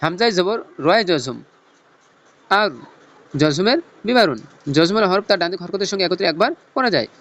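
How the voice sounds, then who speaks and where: High-voiced man teaching Quran reading. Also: expressive, a bit bright. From Bangladesh. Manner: spells out letters and tajweed rules in a slow teaching chant. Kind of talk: Noorani Quran recitation lesson.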